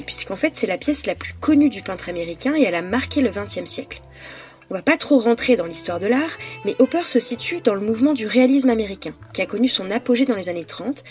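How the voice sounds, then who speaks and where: A woman host explains in a relaxed, conversational way and keeps turning to her listeners with playful asides. Her voice sits at a middle pitch. Soft music plays faintly behind her. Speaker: podcast host. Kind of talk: casual explanatory chat.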